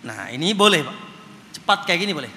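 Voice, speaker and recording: A man with a high-leaning, pushed and bright voice talks fast and very animatedly while delivering a Quran study lecture. This religious teacher addresses his audience as Pak and chants recitation examples, with hall reverb and faint noise in the recording.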